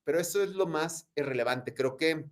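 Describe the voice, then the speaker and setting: A man's voice: on the high side, normal speed. A Mexican man in his thirties, a guest in an interview, talking in a reflective, joking way. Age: 30s. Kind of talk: casual interview.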